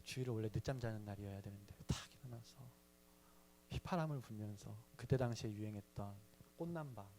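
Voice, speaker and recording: This youth ministry speaker, a young man with a medium-pitched voice, tells the story of his faith in a sermon to young listeners, joking and chatting with the audience. There's slight background noise in the recording.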